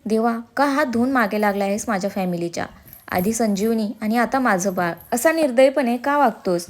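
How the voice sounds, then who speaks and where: A woman's voice: a little high, fairly quick, natural voice. A woman voicing a distraught young husband and new father in a read-aloud story, talking in a pleading, tearful way. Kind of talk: storybook narration.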